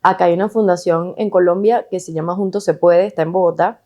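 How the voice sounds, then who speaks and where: A Venezuelan woman chats on a podcast in a rapid, slang-filled flow. Her voice sits low and sounds mellow and dark. She drops quoted asides into her stories. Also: steady tone. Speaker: podcast co-host. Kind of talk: casual podcast chat.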